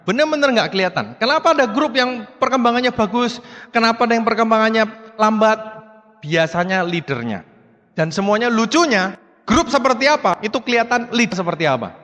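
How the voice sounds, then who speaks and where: A man with a fairly high voice delivers an animated motivational talk, calling out to his audience again and again. His voice rings through a large hall with a long reverb. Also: brisk. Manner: animated, repeatedly addresses the audience as "Bapak Ibu". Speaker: motivational speaker.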